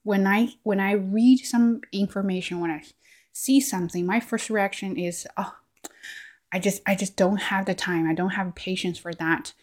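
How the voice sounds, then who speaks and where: A woman whose first language is Chinese, and who speaks with a Chinese accent, earnestly addresses the camera as a language learning vlogger in a casual, reflective monologue. Her mid-range voice is steady and a little mellow at a moderate pace, and she often says "like" and "right?" while restarting sentences.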